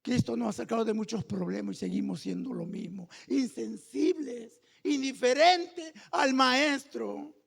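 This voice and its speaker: A man preaching a fervent sermon, at times shouting and calling the listeners brother. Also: very high voice, unhurried, creaky, hardly any pauses. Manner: intimate, addresses listeners as brother. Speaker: pastor.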